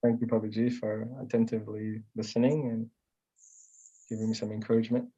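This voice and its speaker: A man giving a spiritual class who opens it to questions, speaking softly and humbly. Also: on the low side, little pitch movement, brisk, slightly rough, lo-fi sound.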